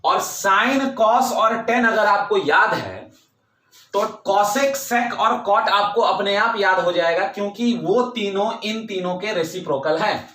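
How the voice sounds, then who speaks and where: Guy teaching a class, high voice, takes it slow, repeats stuff, echoey room. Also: lively intonation, pushed and bright. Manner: repeats key points with emphasis, mixing English terms into Hindi. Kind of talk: classroom lecture.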